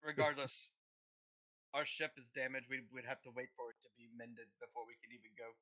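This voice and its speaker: A man's voice: mid-range voice, fairly even intonation, fairly quick, bright, forceful tone, dull audio. A man playing in a tabletop role-playing game, talking bluntly and sarcastically. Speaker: player. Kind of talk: casual tabletop game chat.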